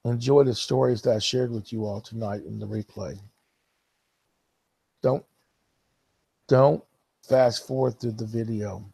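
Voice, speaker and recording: A man's voice: mid-range voice, fairly even intonation, unhurried, vocal fry, long pauses, dark tone, breathy edge, no echo. A man hosting a casual live stream, talking straight to the viewers who watch the replay and reading chat comments aloud to them. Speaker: livestream host.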